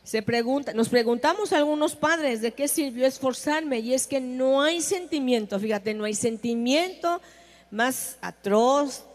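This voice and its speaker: A woman preaches a sermon in a high voice, taking her time over each phrase. She stresses her points and turns to the listeners with questions. A long reverb trails after her words. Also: unhurried. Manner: emphatic, asks the audience questions.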